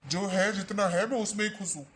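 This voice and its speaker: A man's voice: high-pitched, fairly quick, fairly bright tone, slight background noise. A man playing a young husband who protests to his mother on his wife's behalf, in a home-made family skit. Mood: pleading. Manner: pleading, protesting. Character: young husband and son, defending his wife.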